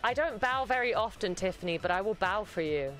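A woman hosting a live-stream showcase, gushing loudly and yelling with excitement, swearing freely. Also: medium pitch, brisk, soft background music. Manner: loud, gushing, yells when excited, swears a lot. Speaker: host.

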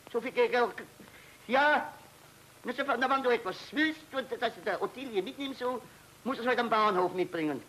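A man's voice: very high voice, sharp tone, a little hiss or hum, full character voice, rough recording. A fussy, flustered man. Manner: rambling, stammering, fretful. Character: fussy flustered Austrian man, anxious about travel. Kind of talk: 1930s film comedy acting.

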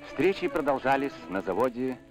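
A man's voice: mid-range voice, big pitch swings, moderate pace. A man narrating a 1960s newsreel with a formal, declamatory announcer delivery, old newsreel sound. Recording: narration over loud music.

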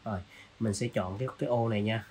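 A man hosting a design software tutorial, casually walking through each step with lots of fillers. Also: fairly low pitch, fairly even intonation, quick pace, background noise. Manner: casual, walks through steps with many fillers. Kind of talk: screen-recorded software tutorial.

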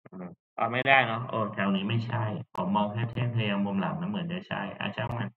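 Male lecturer, low voice, chatty teaching manner, phone-thin recording quality. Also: fast talker, a little hiss or hum. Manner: chatty, checks understanding with frequent tag questions. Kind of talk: casual lecture on game theory. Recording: tinny phone-like audio.

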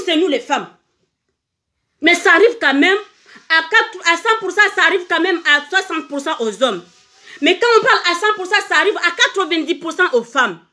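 Comorian woman, singer on a phone livestream, very high pitch, emphatic and repetitive. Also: bright, forceful tone. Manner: emphatic, repetitive, asks viewers for hearts. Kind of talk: casual livestream monologue.

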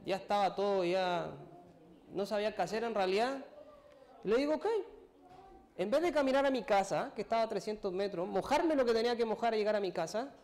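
A man giving a sermon testimony, telling a personal story in a halting, emotional way and acting out what people said to him. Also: high voice, darkish tone. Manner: storytelling, acts out his own and others' words, emotional, halting. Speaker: preacher.

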